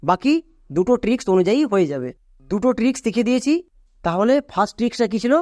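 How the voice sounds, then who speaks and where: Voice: medium pitch, lively intonation, racing, darkish tone, dry recording, clean studio sound. A teacher explaining English spelling rules step by step, drilling each point by repeating it and spelling words out letter by letter.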